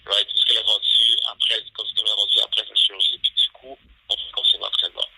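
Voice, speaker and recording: Husky man coaching over the phone. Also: on the low side, level tone, quick pace, sharp tone, no echo. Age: 30s. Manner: repetitive, peppers talk with "right?". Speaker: fitness coach guest. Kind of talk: casual interview over the phone. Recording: phone line.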